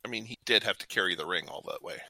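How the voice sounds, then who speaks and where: This geeky male podcast co-host talks fast in a lowish voice with vocal fry and a sharp tone, recorded with no echo. He reads out matchups and trades banter with his co-hosts in a casual panel chat.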